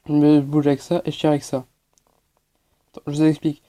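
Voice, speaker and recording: A man's voice: fairly high pitch, completely flat delivery, fairly quick, warm tone. A man giving hesitant, explanatory gameplay commentary as a channel host, with many fillers.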